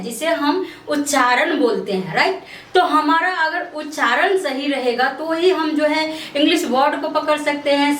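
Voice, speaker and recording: Woman tutor, high voice, patient and repetitive, drills each word slowly; roomy echo, mic set back. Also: fairly bright tone, far from the mic. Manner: repetitive, explains step by step, drills words aloud. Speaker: English pronunciation teacher. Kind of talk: casual online lesson.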